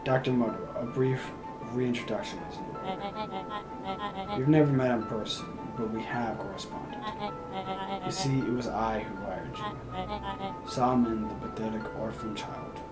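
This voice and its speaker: A man voicing a pompous, condescending villain mastermind in a youthful body, delivering theatrical, booming monologues in a game story. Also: sing-song, unhurried, pauses often. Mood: grandiose. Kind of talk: dramatic game story read aloud. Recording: echoey, loud music underneath. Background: loud music.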